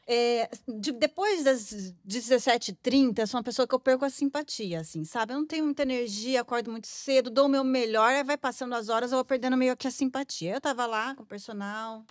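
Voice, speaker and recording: Woman podcast host, rapid animated delivery, dry close sound. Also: on the high side, no room sound. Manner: animated storytelling. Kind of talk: casual interview chat.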